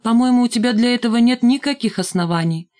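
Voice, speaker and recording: A woman's voice: a little high, fast talker, warm tone, pitched above the performer's own voice, close to an everyday voice. A woman voicing a strict, hot-tempered female schoolteacher in an audiobook reading. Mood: stern. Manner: strict, scolding.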